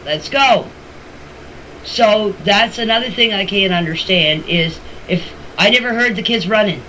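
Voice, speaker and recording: Sharp in tone and unhurried, this older woman's mid-range voice carries through a noisy amateur phone voice message to her group chat. She talks casually but emphatically, pressing her opinions and saying things more than once.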